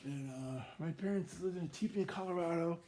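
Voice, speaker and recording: A man rambling in a profane, animated monologue, swinging from mumbling to shouting. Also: on the high side, fairly quick. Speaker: vlogger. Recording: roomy echo with faint noise.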